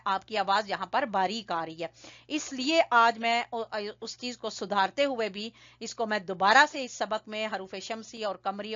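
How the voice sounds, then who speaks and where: A woman teaching Quran recitation, patiently explaining step by step, checking understanding and slowly chanting examples. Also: mid-range voice, pushed and bright. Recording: dull lo-fi audio.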